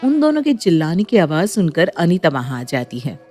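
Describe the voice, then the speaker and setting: A woman narrating a cartoon family story in a calm, even way. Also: lowish voice, moderate pace, slightly rough, soft background music.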